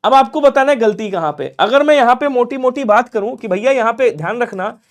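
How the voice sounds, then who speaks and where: A man teaching Hindi grammar in a live online exam-prep class, coaxing and repeating points and pressing viewers to answer quickly. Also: very high voice, lively intonation.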